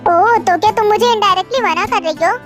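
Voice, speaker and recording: A woman's voice: very high voice, fast talker. A young woman playing an affectionate young man. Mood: reassuring. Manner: warm, reassuring. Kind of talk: storybook voice acting. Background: faint background music.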